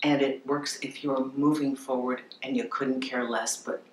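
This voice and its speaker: A man's voice: medium pitch, flat delivery, unhurried. A man giving relationship advice as a coach, speaking emphatically and asking himself rhetorical questions. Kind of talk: advice monologue. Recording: roomy with faint background noise.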